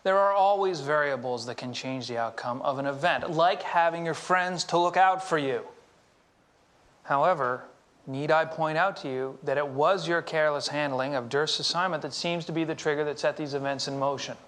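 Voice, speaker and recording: A man playing a calm, reasoning science teacher. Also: a little high, close to an everyday voice. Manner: measured, explanatory. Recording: TV soundtrack with music under.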